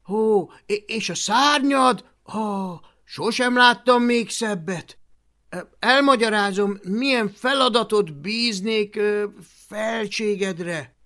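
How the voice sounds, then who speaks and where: An audiobook reader voicing an eager young viking boy hero who talks loudly and urgently. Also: medium pitch, voice pushed up, lightly acted. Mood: flattering. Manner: loud, urgent, flattering.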